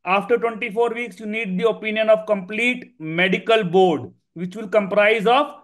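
A man with a North Indian accent and a high-pitched voice teaches in an informal way. He drives points home by repeating key phrases, slipping between English and Hindi as he explains. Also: normal speed. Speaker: medical exam instructor.

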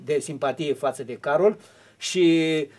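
A man's voice: on the high side, a little mellow. Rambling man explaining history. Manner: long rambling explanations with many fillers and restarts. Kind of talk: televised history discussion.

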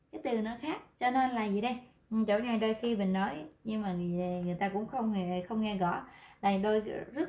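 A Vietnamese woman teaches beginner Korean, explaining vocabulary to her students in a classroom lesson and speaking to them directly. She repeats words often and fills gaps with "à." Her voice is fairly high, and the sound is roomy.

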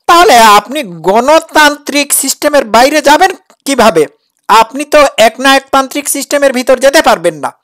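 A woman's voice: high-pitched, fairly bright tone. A woman comments on a played clip. She talks in a sarcastic, needling way, pressing her target with pointed questions. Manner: mocking, sarcastic, challenging. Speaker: critic reacting to a preacher's clip. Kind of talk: reaction commentary.

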